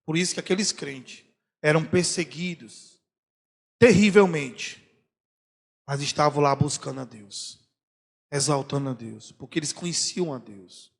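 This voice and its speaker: A man preaching a sermon as a pastor, animated, acting out prayers and talk in comic voices. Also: on the high side, measured pace, vocal fry, long pauses, breathy edge. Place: church hall. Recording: long church hall reverb.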